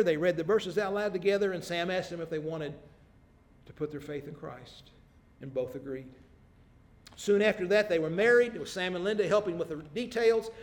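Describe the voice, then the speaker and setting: A man preaching a sermon, telling stories in an earnest way and shifting his emphasis. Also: sits high. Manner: storytelling, earnest, varies emphasis.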